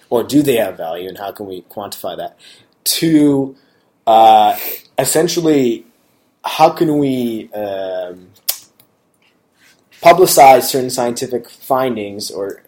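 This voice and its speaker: A man's voice: medium pitch, a little mellow. A man co-hosting a podcast in casual chat, hesitant and searching for words, laughing often.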